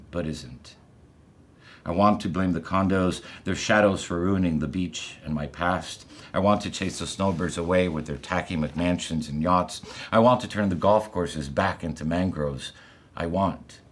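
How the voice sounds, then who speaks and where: A man in his forties reading his own poem in a measured, deliberate way, then talking it over reflectively in a studio interview. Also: low voice, husky. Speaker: poet reading and discussing his own work. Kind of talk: poetry reading and studio discussion. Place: studio set, indoors.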